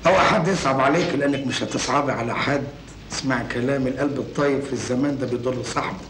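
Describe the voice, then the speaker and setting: A man's voice: medium pitch, rapid-fire, fairly bright tone, lightly acted. An actor playing a scheming, boastful con man, speaking with an Egyptian accent in an old film. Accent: Egyptian Arabic. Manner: boastful, cocky, teasing. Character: scheming smooth-talking male con man. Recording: echoey film soundtrack with hiss.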